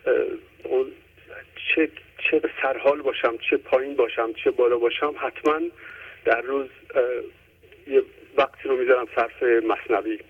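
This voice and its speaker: A man calling in to a talk show, chatting casually and hesitantly, filling his pauses with lots of "uh"s. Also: mid-range voice, steady tone, breathy edge. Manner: hesitant, many filler sounds. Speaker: caller. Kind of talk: casual call-in chat. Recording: tinny phone line.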